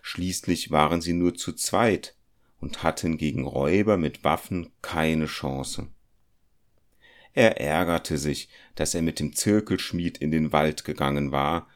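Low-voiced guy reading a story aloud, slow and steady. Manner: measured, even storytelling. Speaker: narrator.

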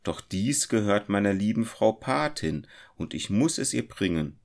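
Guy doing a polite young goldsmith, voice pushed up, a bit louder. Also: on the low side, sing-song, measured pace, vocal fry, pitched above the performer's own voice, heavily acted. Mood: earnest. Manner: polite, moved. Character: modest young male goldsmith, earnest and polite.

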